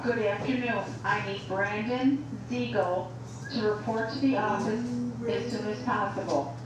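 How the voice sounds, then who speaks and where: A woman's voice: mid-range voice, steady tone. Woman announcing over a school PA. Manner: slow, deliberate announcing. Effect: over a school PA loudspeaker. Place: classroom. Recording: echoey distant loudspeaker, room noise.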